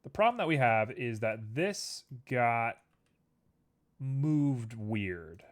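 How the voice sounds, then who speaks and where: On a live stream, a young man with a mid-pitched voice rambles loosely as he builds a 3D model. He talks expressively and slowly, keeping up a relaxed running commentary aimed at both his viewers and the things on his screen.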